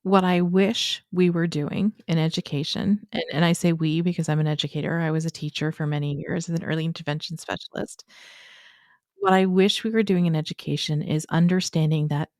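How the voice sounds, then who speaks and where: A woman's voice: sits low, fairly even intonation, a little fast, darkish tone, dry recording, clean studio sound. A woman who works as an educator, talking as a podcast guest in an earnest, emphatic way and often checking in with "right?". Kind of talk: podcast conversation.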